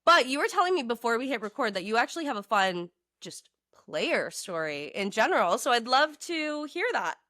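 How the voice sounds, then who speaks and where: A woman's voice: a little high, sing-song, normal speed, pushed and bright, no echo, studio quality. A woman hosting a podcast interview, enthusiastic and friendly, laughing often. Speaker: podcast host. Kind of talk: casual interview chat.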